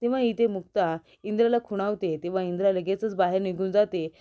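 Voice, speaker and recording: A woman's voice: mid-range voice, fairly even intonation, brisk, smooth, phone-quality sound. A woman retelling a TV serial episode as a story, carrying straight on into each character's lines. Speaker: serial episode recap narrator.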